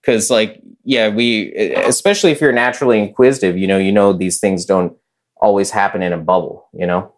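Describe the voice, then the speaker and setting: A man's voice: on the low side, fairly even intonation, fairly quick. A young man chatting as a podcast guest, rambling with lots of filler words. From United States. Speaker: podcast guest, chess master. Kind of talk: casual conversation.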